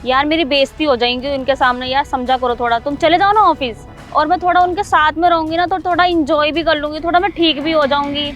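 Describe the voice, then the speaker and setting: A woman argues defiantly in a scripted drama. Her voice sits very high and she talks at a rapid clip. Soft music runs underneath. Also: fairly even intonation. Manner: argumentative, defiant. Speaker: scheming wife in a short drama. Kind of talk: scripted short-video drama acting. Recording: faint background music.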